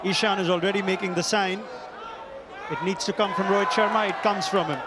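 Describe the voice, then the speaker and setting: A man with a high voice gives emphatic cricket commentary. The crowd and ground noise sit clearly under his calls. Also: fairly even intonation, a little fast.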